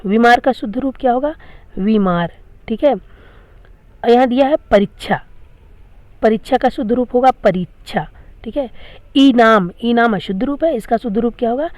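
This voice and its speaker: A woman's voice: fairly high pitch, normal speed, darkish tone, no echo. A woman teacher explaining grammar to school students, patiently repeating each question before giving the answer. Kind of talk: classroom grammar lesson.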